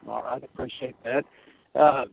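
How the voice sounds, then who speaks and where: A man calling in with a question over a phone line, speaking in a hesitant, halting way. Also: mid-range voice, steady tone, gravelly, slightly rough. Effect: heard over a phone line. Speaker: caller.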